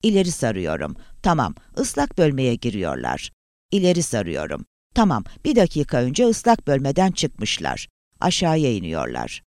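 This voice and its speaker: A man's voice: mid-range voice, huge pitch swings, normal speed, gravelly, a little mellow, no room sound, clean studio sound. A man voicing a matter-of-fact security guard. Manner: matter-of-fact, reporting step by step. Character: reluctant male security guard.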